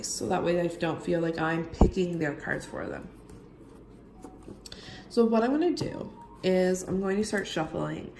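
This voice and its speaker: A woman with a husky, gravelly whiskey voice, getting over a cold, chatting casually and directly to the viewer as she teaches tarot reading. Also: mid-range voice, darkish tone. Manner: informal, conversational, talks directly to viewer. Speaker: tarot reader giving a tutorial. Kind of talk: casual instructional chat. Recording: roomy echo, faint background noise.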